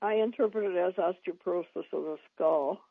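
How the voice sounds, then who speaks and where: A woman's voice: lowish voice, fairly quick, slightly rough, no echo. A woman consultant giving matter-of-fact product advice on a radio show. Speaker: nutrition consultant. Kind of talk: on-air advice. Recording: tinny phone line.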